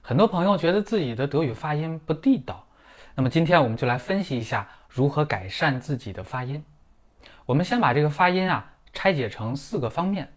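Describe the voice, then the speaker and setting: A middle-aged man, a native Chinese speaker, teaching German pronunciation in a clear, methodical lesson full of everyday comparisons. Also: fairly high pitch, animated, brisk. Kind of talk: scripted lesson in Mandarin.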